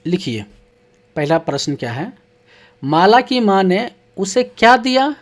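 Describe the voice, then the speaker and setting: A teacher walks young children through a textbook lesson at an unhurried pace. The voice sits in a middle pitch, reading each question aloud before answering it. Words are broken into syllables with patient care. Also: very animated. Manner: reads questions aloud, then answers them.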